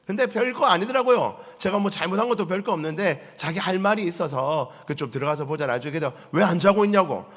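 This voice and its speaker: Storytelling pastor in an echoey church. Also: male voice, sits high, lively intonation, brisk, hardly any pauses, a bit bright. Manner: storytelling, acting out voices of biblical figures and questioning the congregation. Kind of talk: sermon. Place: church sanctuary.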